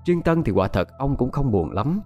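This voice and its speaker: A man narrating a dramatic folk tale in an expressive storytelling style. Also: medium pitch, moderate pace, highs cut off. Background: faint music.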